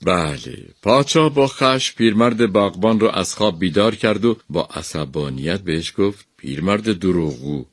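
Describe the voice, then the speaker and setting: A man narrating a folk tale in a measured, even storytelling voice. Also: fairly low pitch, no echo, studio quality.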